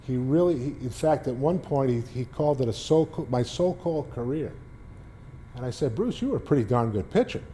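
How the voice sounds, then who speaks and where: At a casual library talk, a man in his sixties with a Boston accent, a former sports beat writer, rambles through anecdotes with plenty of restarts. His medium-pitched voice is animated, brisk and warm, with slight background noise.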